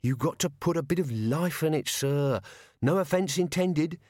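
A man's voice: a little high, normal speed, darkish tone, dry recording, clean studio sound, voice pushed up, close to an everyday voice. A man voicing a crabby, coarse old male servant with blunt, slangy talk. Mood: coaching.

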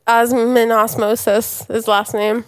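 A woman co-hosting a podcast, quick-witted and teasing, laughing often during casual chat. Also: a little high, little pitch movement. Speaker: podcast co-host, music producer.

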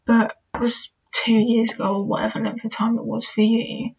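Breathy young woman, chatty advice talk. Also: fairly high pitch, little pitch movement, moderate pace. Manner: chatty, candid, reflective, with fillers like "you know" and "kind of". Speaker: podcast host. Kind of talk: casual solo advice talk. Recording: dull lo-fi recording.

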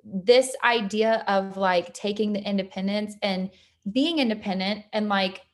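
A woman's voice: mid-range voice, unhurried. Female podcast co-host, earnest and encouraging, conversational. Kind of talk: casual podcast chat.

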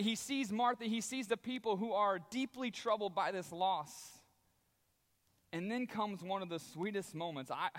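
A man preaching a sermon as a pastor, telling the story in a conversational, animated way. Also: sits high. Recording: long reverb of a large hall.

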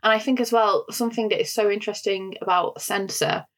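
A woman's voice: medium pitch, steady tone, brisk, a bit bright. A woman with a Northern English accent, co-hosting a film podcast and explaining history in an articulate way with frequent fillers. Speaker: podcast co-host.

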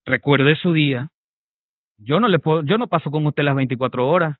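Pastor preaching, tinny sound. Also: male voice, fairly high pitch, moderate pace, no room sound. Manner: peppers talk with rhetorical questions and tag checks. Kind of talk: sermon. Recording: dry, tinny phone-like sound.

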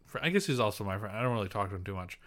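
A man's voice: fairly low pitch, lively intonation, rapid-fire, fairly bright tone. A man co-hosting a podcast, chatting casually and rambling with lots of fillers, restarts and laughs. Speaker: podcast co-host. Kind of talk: casual chat.

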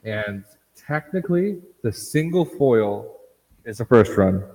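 A man's voice: medium pitch, lively intonation, slow, darkish tone. A man co-hosting a casual chat, explaining carefully with hesitant fillers. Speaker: podcast co-host. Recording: long reverb.

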